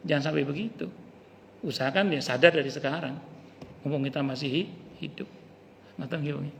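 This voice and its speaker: This male ustaz talks a little fast, his voice on the high side with some vocal fry. Leading an informal study circle in a mosque hall, he narrates stories plainly and acts out what characters say; the audio is reverberant with a faint hiss.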